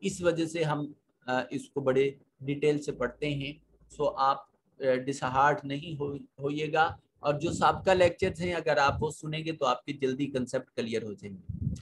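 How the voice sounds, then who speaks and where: Slow, patient male Quran teacher. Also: on the high side, background noise. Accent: Pakistani Urdu. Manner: slow, patient explaining, with drawn-out chanted recitation of verses. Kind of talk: recorded Quran lesson with tajweed rules.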